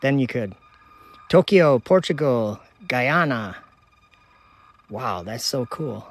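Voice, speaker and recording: A man's voice: medium pitch, slow pace, no echo. A man from Minnesota hosting a casual outdoor livestream at night, chattily reading viewer comments and locations aloud while he runs a telescope. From Minnesota, United States. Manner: relaxed, reads viewer locations aloud in a chatty running list. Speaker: livestream host.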